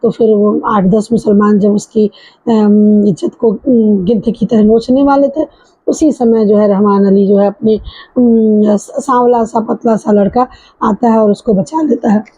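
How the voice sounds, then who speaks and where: A woman telling a story in a casual, conversational way, often pausing on fillers and restarting her sentences. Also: mid-range voice, steady tone, dark tone, husky. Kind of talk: casual spoken retelling of a story. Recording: dull lo-fi recording.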